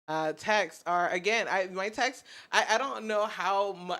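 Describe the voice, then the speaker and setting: A woman producer talks on a podcast with a sharp, ringing brightness to her voice. Her speech rambles and stumbles, with restarts and stutters. It is loose, casual chat. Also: low-pitched. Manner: rambling, self-admitted stuttering.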